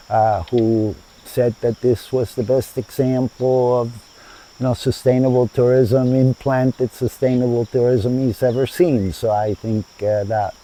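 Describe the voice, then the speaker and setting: A man's voice: mid-range voice, dark tone, rough recording. A man in his seventies from Chile, the founder of a sustainable community, giving thoughtful interview answers in a garden with frequent hesitations. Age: 70s. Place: outdoors in a garden.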